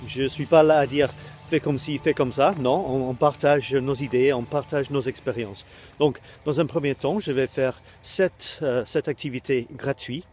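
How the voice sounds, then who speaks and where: A man's voice: medium pitch, fairly even intonation, moderate pace, a little mellow, soft background music. Hesitant Englishman speaking French. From Britain. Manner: hesitant, many ums and restarts. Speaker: online course creator. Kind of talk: casual direct-to-camera talk.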